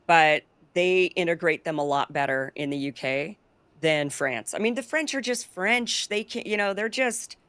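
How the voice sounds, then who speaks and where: A female host of a political talk show, she keeps the political chat casual, voicing opinions freely and laughing often. Her voice sits on the low side and is expressive, smooth and fairly bright, at a moderate pace, with no echo.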